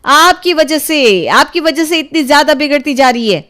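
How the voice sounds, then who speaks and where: A woman voicing a strict, quick-tempered mother in a cartoon, scolding her daughter. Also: high voice, a bit bright. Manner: scolding, exasperated. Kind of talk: cartoon voice acting.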